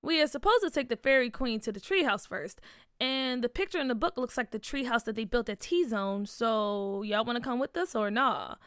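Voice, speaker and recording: A woman's voice: a little high, animated, moderate pace, fairly bright tone, no echo, clean studio sound. A woman voicing an eager young boy twin who takes charge.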